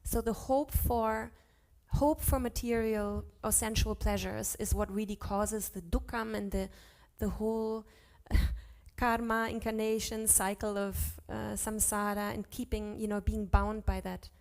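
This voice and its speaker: A woman teaching a class on Sanskrit scripture, chanting verses slowly and correcting herself aloud as she goes. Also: medium pitch, fairly even intonation, vocal fry, darkish tone. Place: ashram class.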